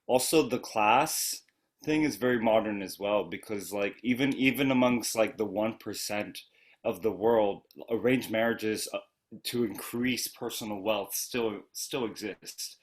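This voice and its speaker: A man's voice: lowish voice, measured pace. A male cast member on a video call, speaking earnestly and restarting phrases in a casual panel.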